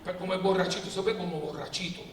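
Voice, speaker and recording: Animated priest in an echoey hall. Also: male voice, high-pitched, very fast. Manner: animated storyteller, acts out quotes with humor. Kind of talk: lively preaching talk to a prayer group. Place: parish prayer assembly hall. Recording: echoey hall, distant mic, faint noise.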